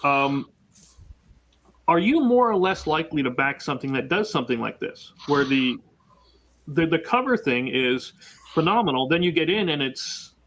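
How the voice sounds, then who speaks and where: An easygoing man from Pennsylvania leads a casual panel chat and puts questions to his guests. His voice sits a little high for a man, with faint noise underneath. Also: big pitch swings, moderate pace, a bit bright, rough recording.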